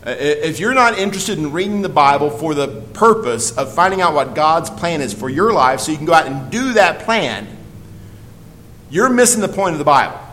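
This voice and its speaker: Earnest high-voiced man teaching the Bible. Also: expressive, normal speed, fairly bright tone, slight background noise, low-quality recording. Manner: earnest, emphatic, with frequent uh fillers and restarts.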